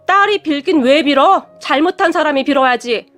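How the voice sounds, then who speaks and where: Woman doing a loud bossy middle-aged mother. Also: high voice, lively intonation, normal speed. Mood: yelling. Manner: shouting, bossy, wailing.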